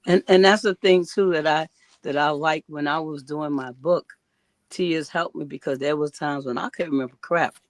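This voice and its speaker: A woman's voice: sits low, fairly even intonation, moderate pace, no room sound. Older woman host, rambling and dry. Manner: rambling, repeats words, uses slang. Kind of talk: casual interview chat.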